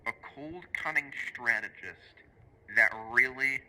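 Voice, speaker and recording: Guy hosting a ranking video, casual commentary, average pitch, some noise behind. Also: slow pace. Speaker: video host.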